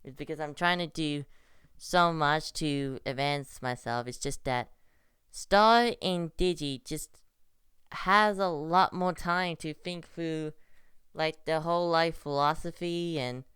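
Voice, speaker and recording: A woman's voice: low voice, slow pace, fairly bright tone, smooth, no room sound, studio quality. A young woman vlogging at home, rambling casually and hesitantly with many restarts. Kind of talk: casual vlog monologue. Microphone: computer recording.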